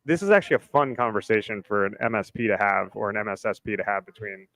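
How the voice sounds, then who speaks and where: A man's voice: fairly low pitch, fast, a bit bright, dry recording, poor audio. A man speaking on a casual panel discussion, loose and full of "like" and "right?". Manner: loose, filler-heavy, says "right?" and "like" often.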